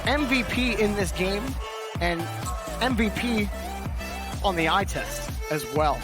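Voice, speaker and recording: A man's voice: high voice, lively intonation, slow pace, loud music behind the voice. A man doing esports play-by-play commentary as a caster, calling the action in clipped phrases.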